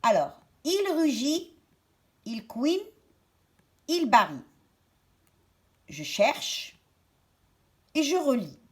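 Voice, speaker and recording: A woman teaching young children, with a fairly high voice. She talks slowly and clearly, repeating words and syllables so the pupils can follow. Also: huge pitch swings. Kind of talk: French lesson for children.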